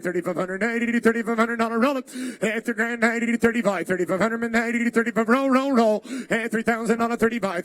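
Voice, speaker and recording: High-pitched man doing rapid auctioneer chant. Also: fairly bright tone, no echo. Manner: repetitive, rolling bid-calling patter. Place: live car auction.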